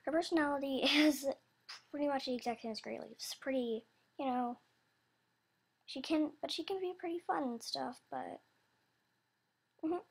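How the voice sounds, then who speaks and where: Announcing auditions for animation voice roles, a young woman talks casually off the cuff in a high, gravelly, youthful voice that sounds somewhat childish. At normal speed she rambles and hesitates over words, leaving long pauses.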